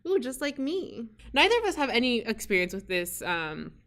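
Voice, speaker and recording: A woman's voice: on the high side, very animated, moderate pace, fairly bright tone. A young woman co-hosting a casual podcast, chatty and upbeat, laughing often. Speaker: podcast co-host.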